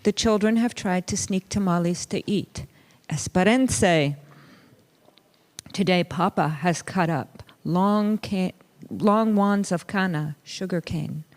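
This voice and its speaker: A woman reading a picture book aloud in a deliberate, pausing way, acting out short bits of dialogue and saying Spanish words a little haltingly. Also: fairly low pitch, a little mellow. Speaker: reader of a children's story at a church service. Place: church service, reading aloud to a gathering.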